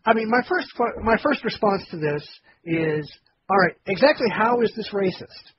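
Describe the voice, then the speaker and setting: A man's voice: high voice, sing-song, moderate pace. A man co-hosting a casual podcast, wry and joking as he argues his point. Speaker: podcast co-host. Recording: dull lo-fi podcast audio with noise.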